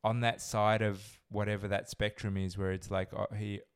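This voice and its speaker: A man in casual chat, analysing slowly and thoughtfully, searching for words as he goes. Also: fairly low pitch, little pitch movement, clear, resonant tone.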